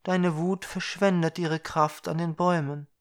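A man's voice: fairly high pitch, fairly even intonation, measured pace, voice pushed up. A man voicing a radiant forest spirit woman who solemnly admonishes the listener.

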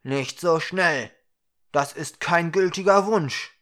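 A man voicing a huge, fat, glowing fire creature, impatient and stubborn, gruff and insistent in a storybook reading. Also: a little high, slow pace, a bit bright, voice pushed up.

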